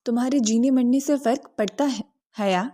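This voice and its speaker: A woman's voice: on the high side, mellow, natural voice. Possessive young lover, earnest and insistent, read by a woman narrator. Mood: intense pleading. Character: possessive young man, intense, pleading lover.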